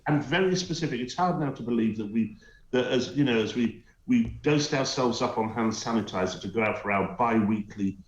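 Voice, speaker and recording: A middle-aged Teesside man from North East England joins a talk show by remote link from home as a guest commentator, emphatic and scornful but hesitating with many uhs. His medium-pitched voice is brisk, and the sound is lo-fi with an echoey room.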